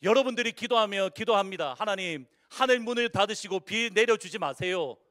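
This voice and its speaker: A male pastor with a Busan accent preaching a sermon, putting questions to the congregation and swinging from loud declarations to hushed endings. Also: high-pitched, expressive, brisk. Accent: Busan Korean. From Busan, South Korea. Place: church sanctuary.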